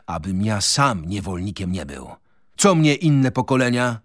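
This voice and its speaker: A man's voice: fairly low pitch, very animated, measured pace, no room sound, studio quality. A man reading a novel on radio, voicing a skeptical, cautious male prisoner who sneers and philosophizes.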